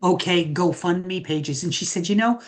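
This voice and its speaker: A woman with a lowish voice gives her astrology forecast on an online forum. She talks haltingly, with plenty of "um" and restarts. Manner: halting, with many fillers and restarts.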